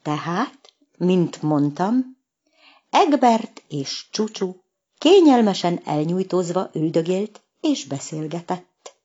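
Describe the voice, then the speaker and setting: A woman's voice: on the low side, breathy edge, dull audio. A woman reading a children's story aloud as an audiobook narrator. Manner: expressive, storytelling. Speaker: audiobook reader.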